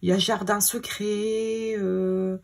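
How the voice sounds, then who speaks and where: A woman's voice: medium pitch, little pitch movement, slow, creaky. A woman hosting a scrapbooking video, thinking aloud in a hesitant, casual way as she sorts her papers. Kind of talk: casual crafting commentary.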